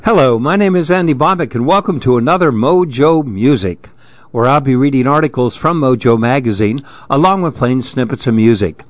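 A man's voice: medium pitch, expressive, brisk. A man hosting a radio reading program, reading magazine articles aloud. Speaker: radio reading-service host. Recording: dull, lo-fi radio recording.

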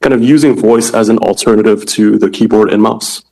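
A man's voice: on the low side, steady tone, a little fast, creaky, mellow, poor audio. A man in his twenties from Indonesia, a startup founder explaining his product earnestly in an interview. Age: 20s. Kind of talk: interview answers.

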